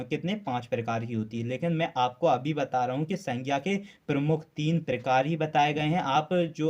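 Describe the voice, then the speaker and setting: A man's voice: on the high side, a little mellow. A male Hindi grammar teacher giving a classroom lecture for exam students, asking questions and answering them himself, repeating key terms, with frequent "uh" fillers.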